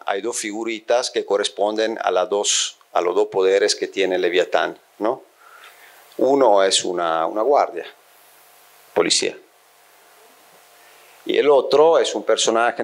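A middle-aged Italian-born man lectures to a seated audience in a small bookshelf-lined room, holding a microphone close. His voice sits very low, and he keeps pausing to check that his listeners follow him. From Italy. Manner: frequent checking questions to the audience, thinking aloud. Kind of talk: university-style lecture to a live audience. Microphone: handheld microphone.

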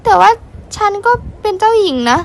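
A woman's voice: very high-pitched, expressive, fairly quick, gravelly, full character voice. A female performer voicing a friendly young mermaid princess who acts as a protective guide, eager and reassuring, in amateur story role-play. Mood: curious.

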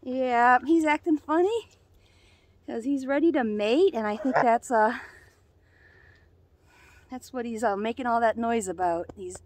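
A woman's voice: a little high, a little slow, long pauses, a little mellow. A woman vlogging outdoors on a farm, talking to her pet goose in cooing baby talk and chuckling often. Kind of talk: casual outdoor vlog with pet geese. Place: outdoors on a cold farm property. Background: geese honking.

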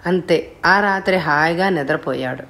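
A woman narrating a story as an audiobook reader in a steady, even way. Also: fairly low pitch, moderate pace, a little hiss or hum.

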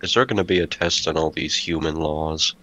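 A young man joking around slowly while reacting to videos with friends. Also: rumbling low, fairly even intonation. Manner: slow, joking banter. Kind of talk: casual reaction commentary.

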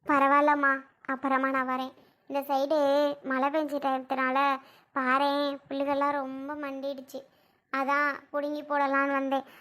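Woman playing a worried village mother, very high voice, bright tone, emotional, pleading. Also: completely flat delivery, normal speed, long pauses. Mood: calm. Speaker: mother-in-law. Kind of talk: family skit acting.

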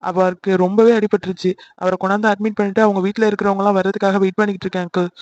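A man voices a worried young man in a homemade cartoon, earnest and pleading. He talks fast in a high, lively register. The recording is dry and a little dull, like a lo-fi home mic. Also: dry recording, close to an everyday voice. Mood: calm. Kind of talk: amateur cartoon dubbing.

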